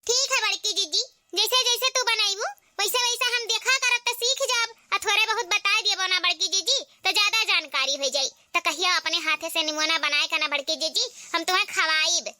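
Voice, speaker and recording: A woman's voice: very high-pitched, normal speed, few pauses, pushed and bright, no room sound, exaggerated voice. A woman voicing an eager young village daughter-in-law with an Awadhi accent who wants to learn to cook.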